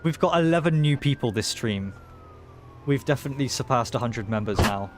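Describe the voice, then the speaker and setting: A man livestreaming a game in casual chat, talking in excitable bro-and-dude slang. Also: medium pitch, brisk, noisy background. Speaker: live game streamer.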